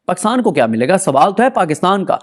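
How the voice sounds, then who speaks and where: A man's voice: sits high, very animated. A man giving a sarcastic, argumentative political commentary full of rhetorical questions.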